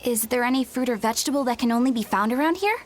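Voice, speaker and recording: A woman voicing a polite, curious, gentle youngster in an anime video game, with an inquisitive manner. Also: fairly high pitch, racing, close to an everyday voice. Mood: helpful. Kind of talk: English-dubbed anime game acting. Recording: soft game music behind.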